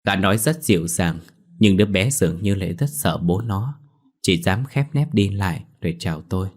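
A man narrating a first-person ghost story in a steady storytelling manner. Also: deep voice, moderate pace.

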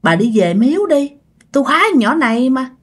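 A shrill, scornful old woman's ghost, put on by a woman storyteller, pitched far above the teller's own voice. She taunts and scolds, a spiteful spirit in a spoken ghost story. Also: sing-song, brisk, husky, full character voice.

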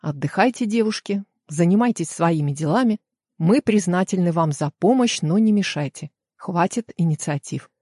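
A woman's voice: fairly low pitch, animated, normal speed, a little mellow, no echo, studio quality. A woman voicing a brusque male police investigator in an audiobook, curt and dismissive.

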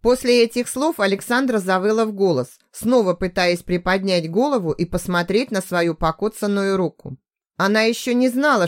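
Woman narrating an audiobook steadily. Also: fairly low pitch.

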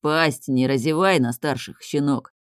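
A man's voice: clear, resonant tone, no room sound, clean studio sound, lightly acted. A reader voicing a hot-tempered, foul-mouthed bearded older man who growls and swears. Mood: furious. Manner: growling, deep and slow.

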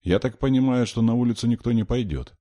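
A man's voice: mid-range voice, quick pace, warm tone, no room sound, studio quality, voice pushed up, natural voice. A male reader voicing a cocky teenage boy who speaks in an offhand drawl.

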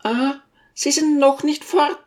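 A man reading an audiobook voices a hot-tempered, imperious rich lady in a shrill, commanding falsetto. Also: steady tone, slow. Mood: furious.

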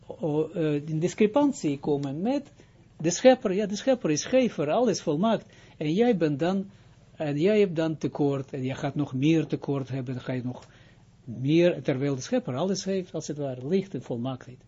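A man's voice: fairly high pitch, animated, dark tone, husky, highs cut off. A man, a rabbi, giving an informal spoken lesson, explaining step by step and often stopping to check that listeners follow. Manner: explains with frequent checks like "Duidelijk?" and halting restarts. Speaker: rabbi teaching Kabbalah.

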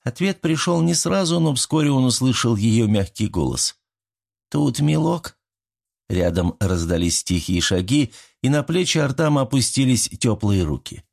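A man giving measured, scripted narration of a fairy tale. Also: on the low side, a little mellow.

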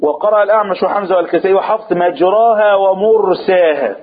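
Egyptian male Quran teacher, slightly high husky voice, drawn-out recitation, lo-fi phone-like sound. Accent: Egyptian Arabic. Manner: explanatory, slow drawn-out recitation then fast asides. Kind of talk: religious lesson in Egyptian Arabic.

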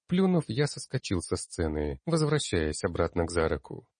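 A man's voice: sits low, big pitch swings, normal speed, a little mellow, no echo, studio quality. A man narrating a fantasy audiobook in the first person, reading expressively with emphasis.

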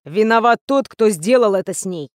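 A woman's voice: mid-range voice, lively intonation, normal speed, no room sound, close to an everyday voice. A tired, grim male teacher in an audiobook, curt and commanding, as a woman reader puts him on. He speaks firmly and gives orders. The recording is dry and close. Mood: stern. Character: weary stern middle-aged male teacher.

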